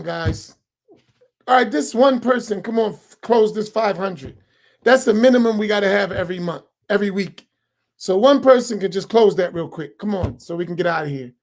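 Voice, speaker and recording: A man, an imam, talking casually and animatedly on a live roundtable stream, joking and preaching in slangy everyday speech. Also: sits high. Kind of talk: casual livestream talk.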